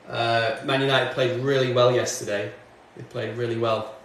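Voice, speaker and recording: A music streamer from northwest England chats casually on a livestream, answering comments as he works in his indoor home studio. His delivery is flat at normal speed, with a mid-range, fairly bright voice far from the mic in a very echoey room with faint background noise.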